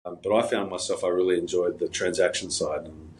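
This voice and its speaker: A middle-aged man with a very low, deep voice, talking through his career as an interview guest. He rambles in an easygoing, anecdotal way, full of little restarts and fillers. A faint hiss sits under the recording. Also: fairly even intonation, fairly quick, darkish tone, rough recording. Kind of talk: casual interview storytelling.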